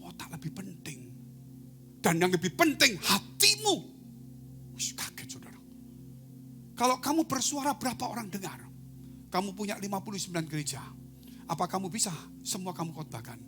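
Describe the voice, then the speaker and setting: A male pastor preaching in a church service, with instrumental music playing behind him. He tells stories and keeps addressing the congregation directly. His delivery jumps from loud, ringing exclamations to hushed, almost whispered asides. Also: sits high. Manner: storytelling, addresses congregation as saudara. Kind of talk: sermon. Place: church service, online broadcast.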